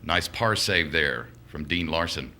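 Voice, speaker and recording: A man's voice: very deep voice, animated, a little slow, bright, forceful tone. A man working as a golf commentator, calling play in short, terse announcements.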